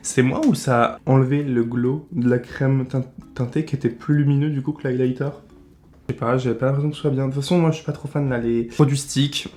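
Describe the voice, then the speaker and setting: Young man, French accent, casual beauty vlog chat, candid verdicts, middle pitch. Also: a little mellow. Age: 20s. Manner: chatty and candid, sizing up products with blunt verdicts. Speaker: beauty vlogger. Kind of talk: casual product-review vlog.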